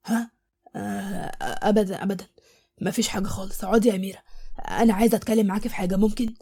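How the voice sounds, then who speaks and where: A woman's voice: medium pitch, fairly even intonation, racing, gravelly, warm tone, slightly rough. A woman with an Egyptian accent voicing a young paralysed husband who suspects his wife, speaking in earnest, urgent dialogue for an audio story. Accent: Egyptian Arabic. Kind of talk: storybook voice acting.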